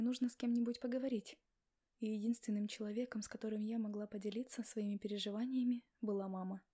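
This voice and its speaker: A woman narrating a first-person novel in a quiet, reflective way. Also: a little high. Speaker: audiobook reader.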